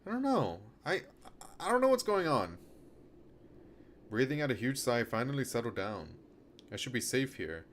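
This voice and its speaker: In a sing-song, mid-range voice, a man streams a game at a moderate pace, pausing often as he alternates between reading narration aloud and casual chatter. Clear background noise and the patter of rain run through the recording.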